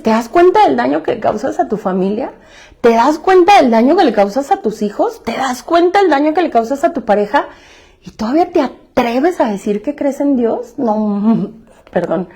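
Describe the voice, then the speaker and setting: A woman with a Mexican accent speaks to a self-help group in a fairly high voice, telling her own story. She talks bluntly in street slang and swears freely. She hammers her points home by repeating the same phrases. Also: expressive, moderate pace, dark tone. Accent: Mexican Spanish. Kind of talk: candid testimony talk.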